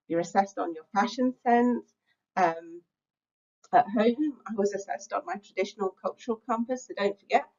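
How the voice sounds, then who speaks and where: In this webinar lecture, a middle-aged woman from England talks to teachers in a thoughtful, chatty way, often using filler sounds. She has a medium-pitched, slightly mellow voice, captured with lo-fi sound quality.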